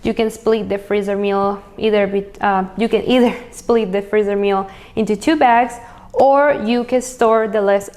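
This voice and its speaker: This Venezuelan cooking host's voice is on the high side and slightly mellow; chatty and upbeat, she lists ingredients while cooking in a casual recipe walkthrough.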